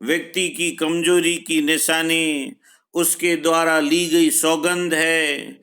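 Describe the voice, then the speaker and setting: A man lecturing on a poem, reading each verse and then paraphrasing it slowly and repetitively. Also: a little high, level tone, sharp tone. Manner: slow, deliberate explanations with frequent repetition. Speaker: college lecturer. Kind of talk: literature lecture explaining a poem line by line.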